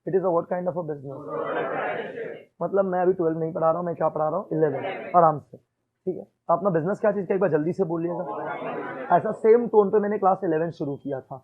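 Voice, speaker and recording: A man's voice: on the high side, fairly quick, phone-quality sound, crowd noise. A male accounts teacher giving a classroom lecture in mixed Hindi and English, often checking "ठीक है?" and quizzing his students.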